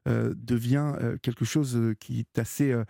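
A man hosts a radio call-in show in a gravelly voice of middle pitch. He talks haltingly, stacking fillers and repeating words as he goes. The sound is dry and close. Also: fairly even intonation, mellow, no echo. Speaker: radio host.

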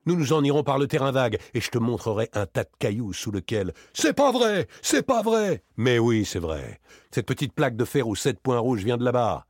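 A man voicing a self-assured gentleman burglar in an audiobook, teasing and smoothly mocking. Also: mid-range voice, expressive, brisk, no room sound, studio quality, voice pushed up, close to an everyday voice. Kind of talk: audiobook character reading.

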